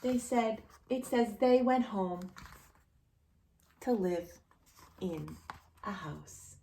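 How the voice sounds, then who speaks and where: This children's storyteller and channel host reads a picture book aloud at medium pitch, drawing out her words in a creaky voice over a faint hiss or hum. She's playful and expressive, quizzing the child directly and reacting with exaggeration.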